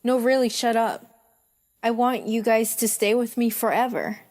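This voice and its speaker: A woman's voice: fairly high pitch, steady tone, normal speed, a little mellow, pitched above the performer's own voice, close to an everyday voice. Woman doing a slurring drunk southern belle. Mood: playful drunk.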